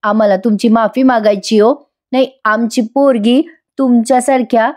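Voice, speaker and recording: A woman's voice: fairly high pitch, fairly even intonation, normal speed, darkish tone, natural voice. A woman voicing a middle-aged man who begs forgiveness in an overly dramatic way. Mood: pleading. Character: theatrical apologetic middle-aged man, ex-drinker.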